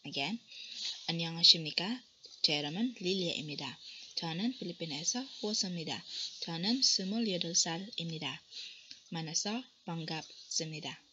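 A woman in her twenties from the Philippines, teaching beginner phrases slowly and carefully, repeating each one for practice. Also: fairly low pitch, expressive, pushed and bright. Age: 20s. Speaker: language teacher and blogger. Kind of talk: beginner language lesson. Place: small room, indoors. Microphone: webcam at desk distance. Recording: dull lo-fi webcam sound with faint noise.

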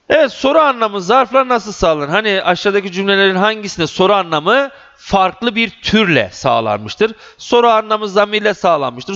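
A Turkish teacher delivers an exam prep grammar lecture, speaking emphatically and repeating key points to his students. His voice is high-pitched and a bit bright, captured on a dull lo-fi recording.

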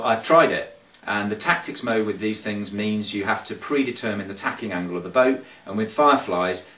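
In an echoey small carpeted room, a sailing coach in his thirties gives a casual talk to camera, recorded from a few feet away by the camera's mic. His voice is low and a bit bright, and he speaks haltingly and thoughtfully, with frequent fillers and restarts, on roomy, distant audio.

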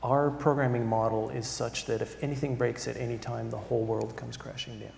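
A man's voice: medium pitch, flat delivery, brisk, creaky, a little mellow. A middle-aged man speaking on a conference panel, conversational and emphatic, often tagging points with "right?". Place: large conference hall stage. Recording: echoey hall with faint room noise.

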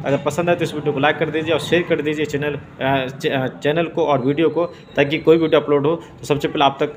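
A man's voice: on the high side, fairly even intonation, a little fast. Chatty male science teacher, noisy recording. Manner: repeats "theek hai" and "doston" often. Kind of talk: classroom demonstration lesson.

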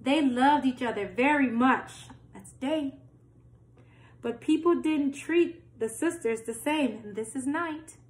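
A young woman reads a picture book aloud to children in a small, plain-walled room, adding simple explanations and questions as a storytime reader. Her high-pitched voice moves slowly, captured in a roomy, echoing home recording.

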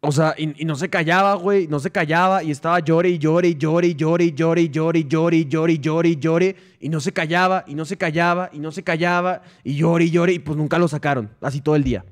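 A man's voice: brisk, hardly any pauses. A young man with a Mexican accent, streaming casually, full of slang and swearing, with frequent laughs and viewer stories read aloud. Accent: Mexican Spanish. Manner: slangy, swears freely, laughs often, reads stories in a lower flat voice. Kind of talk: casual livestream chat, reading viewer stories.

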